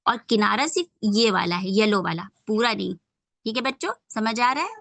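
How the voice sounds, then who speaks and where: A woman's voice: mid-range voice, animated, normal speed, gravelly, fairly bright tone, no echo. Woman teaching kids on a dry call. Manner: patient, checks understanding often. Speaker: online Quran recitation teacher. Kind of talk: online class explanation to children.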